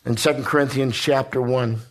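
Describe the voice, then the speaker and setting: A man preaching a sermon in short phrases, pausing for an interpreter. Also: mid-range voice, fairly even intonation. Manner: acts out screaming people in a story. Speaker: guest preacher.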